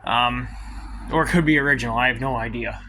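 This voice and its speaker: A man's voice: medium pitch, fairly quick, bright, forceful tone, a little hiss or hum. A man, talking casually through his work in his home garage, rambling with lots of ums. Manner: rambling, hesitant with many ums. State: out of breath at times. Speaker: garage vlogger. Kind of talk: casual workshop vlog.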